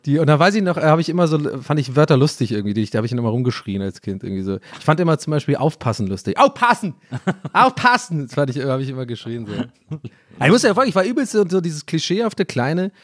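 A man's voice: on the high side, very fast, no echo, studio quality. Man from Dublin telling childhood stories. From Ireland. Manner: animated, laughs often, many fillers. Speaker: podcast guest. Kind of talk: casual storytelling chat.

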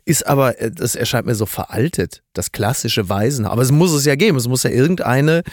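A man's voice: medium pitch, brisk, no echo, clean studio sound. A man co-hosting a podcast in casual banter, rambling and hesitant with many fillers. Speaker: podcast co-host.

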